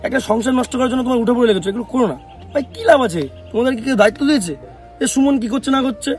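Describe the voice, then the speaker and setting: High-voiced young man answering critics. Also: very fast, a little mellow, faint music behind. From West Bengal, India. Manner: defensive, rhetorical questions, calls viewers bhai. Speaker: vlogger. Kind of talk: casual talk to camera answering comments.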